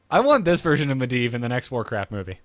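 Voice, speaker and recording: A man's voice: mid-range voice, no echo. A man hosting a video game session, giving casual commentary as he plays with a co-host.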